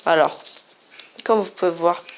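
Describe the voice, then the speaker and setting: In a fairly low voice with vocal fry and a measured pace, a woman hosts a casual game video over a little hiss or hum. She's chatty and playful, often repeating herself as she shows things on screen.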